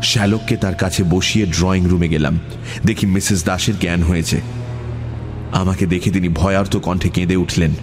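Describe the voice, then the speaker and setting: A man narrating an audiobook story in a measured storytelling manner. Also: sits low, fairly even intonation. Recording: music bed under voice.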